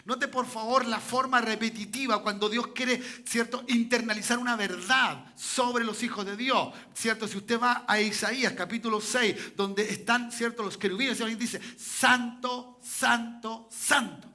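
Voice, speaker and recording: A man's voice: very high-pitched, steady tone, moderate pace, hardly any pauses, pushed and bright. A male pastor preaching a sermon in a church, repeatedly checking in with "¿cierto?" and calling for amens. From Chile. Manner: repetitive, peppers lines with "¿cierto?" and "¿ya?"; calls for amens from the congregation.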